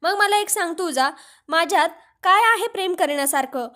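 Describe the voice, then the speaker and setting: A woman's voice: very high voice, expressive, normal speed, sharp tone, full character voice. A woman reading the lines of a teasing, disbelieving young village man in a storybook retelling. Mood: mocking. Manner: mocking, laughing it off.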